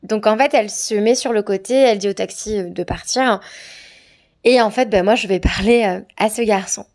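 A woman's voice: medium pitch, normal speed, a little mellow. A woman from France telling a personal anecdote in a candid, hesitant, conversational way. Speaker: storyteller. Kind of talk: personal anecdote told to camera.

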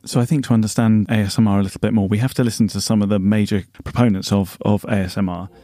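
A man co-hosting an improvised comedy sketch in a dry, deadpan way. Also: lowish voice, fast, no echo. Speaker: comedy co-host.

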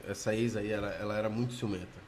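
A young man, a guest actor, telling a story in casual chat with lively, repetitive phrasing. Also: fairly low pitch, fast, a little hiss or hum. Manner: animated, repeats words, acts out voices in quotes. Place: podcast studio.

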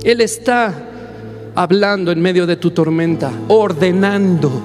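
High-voiced pastor preaching passionately. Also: male voice, a little slow. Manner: impassioned preaching that swells into shouts. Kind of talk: sermon. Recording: long hall reverb, faint music behind.

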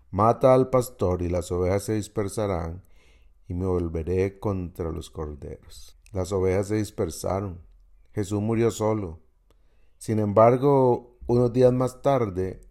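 A man with a warm, dark tone delivers a devotional sermon. He tells a short story and reads scripture in an earnest, reflective way. His voice sits a little low. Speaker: preacher.

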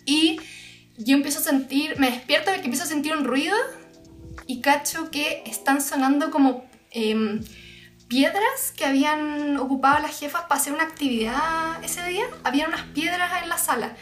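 A young woman with a Chilean accent tells a scary story in a casual chat, full of slang, playing out screams and quoted voices. Her voice sits high. The room echoes, with faint music behind her. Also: moderate pace, a bit bright. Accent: Chilean Spanish.

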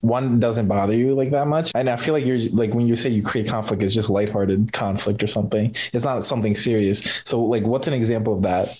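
A man's voice: lowish voice, fairly even intonation, brisk, hardly any pauses, darkish tone, poor audio. Teasing man asking questions. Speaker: podcast co-host. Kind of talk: casual chat.

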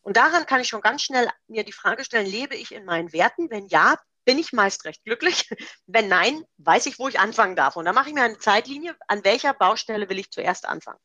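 A woman's voice: a little high, lively intonation, a little fast, pushed and bright, dry recording, highs cut off. A middle-aged woman coach explaining self-coaching exercises step by step in an interview, in a practical, example-driven way.

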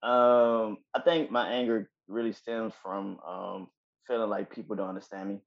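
A man co-hosting a podcast in casual chat, profane and quick to laugh. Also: fairly low pitch, creaky, dull audio. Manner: profane, laughs a lot, animated when heated. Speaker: podcast co-host.

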